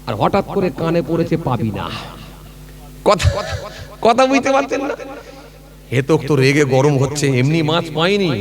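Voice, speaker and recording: A man's voice: fairly high pitch, normal speed. A man telling a folk story in a sermon at an outdoor gathering, often asking the crowd whether they follow. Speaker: preacher. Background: crowd noise.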